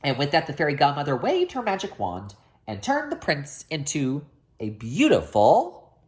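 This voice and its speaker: A woman's voice: sits low, huge pitch swings, moderate pace, a little mellow. A woman reading a children's story aloud expressively as a storyteller.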